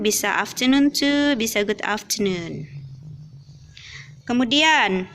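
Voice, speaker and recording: A woman's voice: medium pitch, fairly bright tone. A young adult woman teaching an English lesson, explaining step by step and reading example dialogues aloud.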